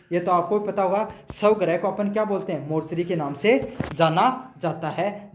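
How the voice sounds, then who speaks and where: High-voiced man teaching vocabulary, echoey room. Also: a little mellow, slight background noise. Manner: explains with rhetorical questions and memory tricks. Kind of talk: exam-prep vocabulary lesson.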